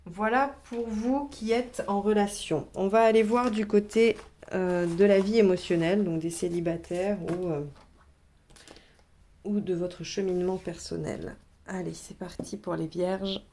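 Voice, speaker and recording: French-speaking woman giving a relaxed tarot reading. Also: mid-range voice, a little slow, a little hiss or hum. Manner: thinking aloud, many fillers, reassuring asides. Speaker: tarot reader. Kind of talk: casual tarot reading monologue.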